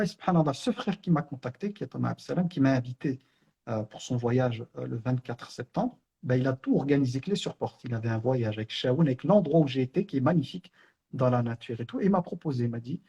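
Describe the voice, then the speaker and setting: A man's voice: mid-range voice, lively intonation, fast talker, a little mellow, husky, muffled recording. A middle-aged man from Brussels, sharing an earnest personal spiritual reminder in a conversational storytelling way, full of fillers. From Belgium, Brussels. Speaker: online Islamic teacher.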